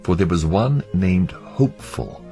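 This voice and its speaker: A man narrating an allegorical story in a measured, dramatic storytelling manner. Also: low-pitched, expressive, gravelly, warm tone, soft background music.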